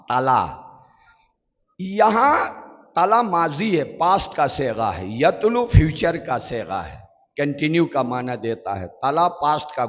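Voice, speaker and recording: A man's voice: a little high, highs cut off. Preaching man in an echoey hall. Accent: Pakistani Urdu. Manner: rhetorical questions, declaiming Arabic verses slowly. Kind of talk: sermon. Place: large prayer hall.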